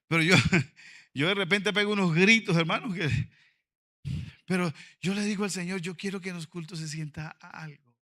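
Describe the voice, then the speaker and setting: A high-voiced, bright male pastor, preaching to an auditorium. He tells stories softly, then rises into fervent, ringing exclamations. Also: normal speed. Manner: animated preaching, swinging from quiet storytelling to fervent shouting. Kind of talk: sermon. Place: convention auditorium.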